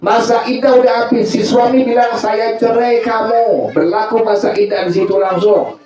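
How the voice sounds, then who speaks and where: A man's voice: high-pitched, little pitch movement, brisk. A man preaching a joking religious lecture, teasing the crowd and asking them to fill in answers. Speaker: Islamic preacher. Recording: echoey hall, far mic, loud crowd laughter. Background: loud crowd laughing.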